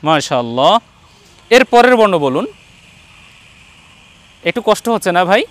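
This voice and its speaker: Bengali guy teaching quran letters, high pitched, slow and encouraging, repeats every sound, dead dry recording. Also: big pitch swings, fairly bright tone, no room sound. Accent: Bangladeshi Bengali. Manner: patient, encouraging, repeats each letter slowly. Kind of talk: online lesson on letter pronunciation.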